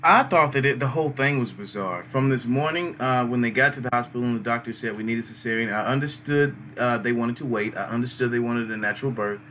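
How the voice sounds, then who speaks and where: Bright-voiced male call-in host. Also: mid-range voice, quick pace, few pauses, a little hiss or hum. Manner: takes callers by number, talks over a stream. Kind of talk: live call-in commentary.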